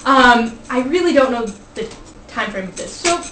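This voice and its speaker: A woman's voice: a little high, animated, normal speed, fairly bright tone, soft background music. A young adult woman informally telling a funny story to a group, rambling and giggly, breaking off for asides. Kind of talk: informal comic anecdote told to a live group. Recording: echoey room, distant mic.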